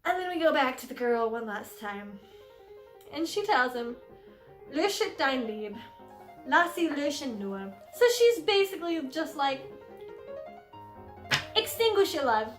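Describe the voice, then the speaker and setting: High-voiced animated young woman, echoey room. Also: measured pace, pauses often. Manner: animated and giggly, acts out lines dramatically. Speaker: singer explaining a song. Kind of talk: casual music lesson vlog. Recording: echoey room with soft piano music.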